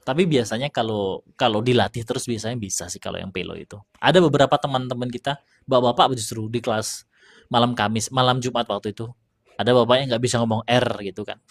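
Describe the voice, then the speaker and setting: This mid-range male voice belongs to a Quran recitation teacher on a live stream. He chats easily, reads out questions from viewers, and demonstrates letter sounds at an unhurried pace.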